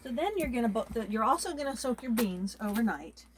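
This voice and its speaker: A woman's voice: on the high side, animated, brisk, slight background noise. A woman co-hosting a casual prepping video, chiming in with short additions and agreements. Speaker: co-host of a prepping channel. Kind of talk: casual chat.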